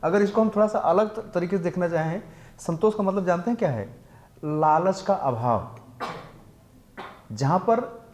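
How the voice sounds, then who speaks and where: Higher-voiced man teaching a scripture class. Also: darkish tone. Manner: explanatory, asks the audience rhetorical questions; chants Sanskrit verses slowly. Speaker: temple speaker teaching scripture. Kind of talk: Hindi scripture class lecture.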